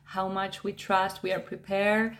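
Soft-spoken woman from Argentina. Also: mid-range voice, flat delivery, a little slow. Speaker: yoga teacher and podcast guest. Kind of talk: casual conversational interview.

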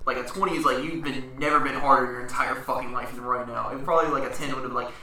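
A man's voice: mid-range voice, steady tone, quick pace, bright, forceful tone, far from the mic. A man co-hosting a podcast in a crude, casual way, swearing freely. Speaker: podcast co-host. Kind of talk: casual chat. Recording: echoey, off-mic home setup.

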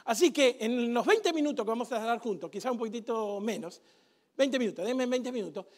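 A man preaching a sermon, animated and sarcastic, leading the congregation in call-and-response. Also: very high-pitched, fairly quick. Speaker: pastor.

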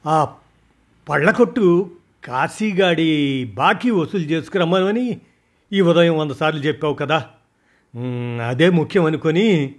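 A man's voice: medium pitch, measured pace, long pauses, lightly acted. A man voicing a nervous young male underling who answers in a hesitant, placating way.

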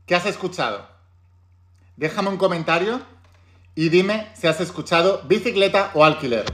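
Man, Spain Spanish accent, self-help teacher talking to camera, pitched a bit high, emphatic and repetitive. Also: expressive, normal speed, a bit bright. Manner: emphatic, repeats key phrases. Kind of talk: direct-to-viewer talk.

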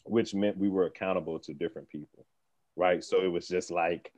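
A man speaking as a podcast guest, an animated storyteller who laughs often and talks in quick bursts. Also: sits low, no echo. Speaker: guest, theater organization leader. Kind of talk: conversational podcast interview. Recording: dull lo-fi sound, dry.

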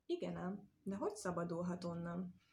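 A woman narrating an animal fable, reading in an expressive, measured way. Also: on the low side, gravelly. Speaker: storyteller. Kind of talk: storybook narration.

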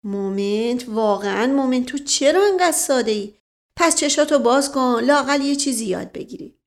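Smooth-talking older charmer, voiced by a woman, teasing, lifted pitch, louder, audiobook. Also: lively intonation. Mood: coaxing. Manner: coaxing, playful. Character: charming older male nobleman, smooth-talking ladies' man. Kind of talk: audiobook character reading.

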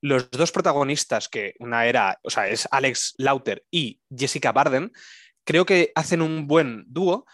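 A man's voice: mid-range voice, a little slow, fairly bright tone, no echo, clean studio sound. Chatty Spanish man reviewing films. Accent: Spanish from Spain. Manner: chatty, laughs often, enthusiastic. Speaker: podcast co-host. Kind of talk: casual film review chat.

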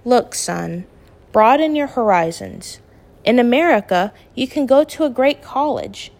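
A woman reading as a steady, calm father. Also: on the high side, vocal fry, pitched above the performer's own voice, heavily acted. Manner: calm, measured, gently firm. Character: steady middle-aged father, practical and kind.

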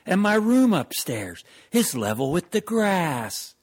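Here a man puts on an exaggerated, high, sing-song voice with a husky quality, speaking slowly. He's the questioning, skeptical young son in a radio comedy sketch, puzzled and protesting, whining his objections.

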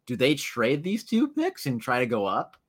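Eager male sports co-host, mid-pitched. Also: huge pitch swings, moderate pace. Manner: eager, conversational. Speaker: podcast co-host. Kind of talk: casual sports chat.

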